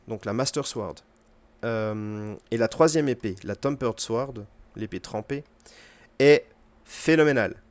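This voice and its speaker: Guy chatting over his gameplay, easygoing, lots of euh, mid pitch, dry close mic. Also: no echo. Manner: relaxed explaining with fillers and quick asides to the game. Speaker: gaming video host. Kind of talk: casual gameplay commentary.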